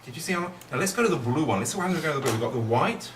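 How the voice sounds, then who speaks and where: A middle-aged man plays a kids' party magician, his voice on the high side with lively intonation and a very fast delivery. His playful patter coaxes the young audience along with questions. The recording sounds roomy, with a distant mic and faint noise.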